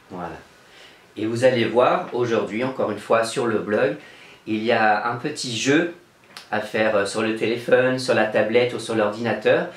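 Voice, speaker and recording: A man teaching young children in a remote class, speaking slowly and clearly as he writes letters on a board and sounds them out. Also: medium pitch, reverberant. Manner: slow, clear, patient teacher talk, spelling out sounds. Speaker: kindergarten teacher.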